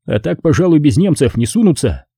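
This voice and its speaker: Guy doing a gruff partisan commander, dark and husky, barking orders. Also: a little high, sing-song, a little fast, dry recording, clean studio sound, voice pushed up, full character voice. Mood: gruff commanding. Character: gruff middle-aged male partisan commander.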